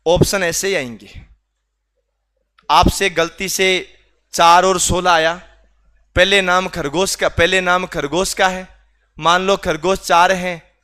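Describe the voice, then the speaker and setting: A man teaches a reasoning class in a classroom. His voice sits high and bright, and he teases the students and pushes them to answer out loud. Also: little pitch movement, slow, clean tone. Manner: teasing, scolds students for not answering. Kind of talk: classroom lecture.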